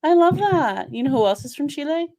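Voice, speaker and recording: A woman's voice: high-pitched, big pitch swings, brisk, mellow, dry recording, studio quality. A woman of Puerto Rican heritage hosting a casual chat, playful and sassy, with lots of "like". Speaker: podcast host.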